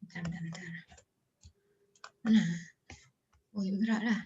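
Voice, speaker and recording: A woman's voice: medium pitch, fairly even intonation, measured pace, warm tone, muffled recording. A woman lecturing on English phonology in a casual online class, chatty and joking with students, mixing in English terms.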